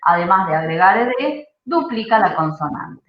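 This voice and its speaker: A woman's voice: medium pitch, animated, normal speed, a crowd in the background. A woman leads an English grammar class over a video call. She explains step by step and keeps asking "¿sí?" to check that her students follow. The sound is dull and echoey. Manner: explanatory, checks understanding with frequent "¿sí?". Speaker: English teacher. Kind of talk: online class lecture. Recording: muffled roomy video-call audio.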